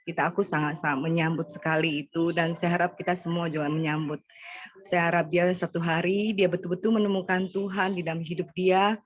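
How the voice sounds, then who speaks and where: A woman's voice: fairly low pitch, low-quality recording. A middle-aged mother sharing a personal testimony in a prayer group, speaking earnestly and reflectively, often repeating her phrases.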